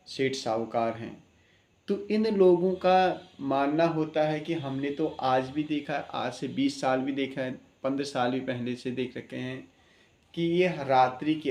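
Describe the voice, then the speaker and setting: A man's voice: mid-range voice, measured pace, a little mellow, echoey room. A man, an astrologer, giving an impassioned spoken address, earnest and preaching, with many rhetorical questions.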